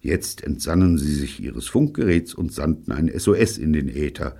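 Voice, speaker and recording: Husky deep-voiced male audiobook narrator. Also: moderate pace. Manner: dry, wry storytelling with lively voiced dialogue. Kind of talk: audiobook reading of a children's novel.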